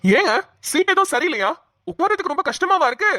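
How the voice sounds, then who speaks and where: A woman's voice: on the high side, lively intonation, pushed and bright, dry recording, clean studio sound, voice pushed down. A woman voicing a cheeky young man who teases and jokes, in cartoon voice acting. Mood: teasing. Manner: teasing, quick, cheeky.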